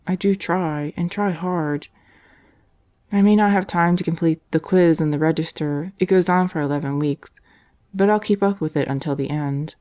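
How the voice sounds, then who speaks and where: A woman voicing a calm, devout male prisoner whose letters are gentle and resigned. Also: fairly low pitch, moderate pace, close to an everyday voice. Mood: earnest.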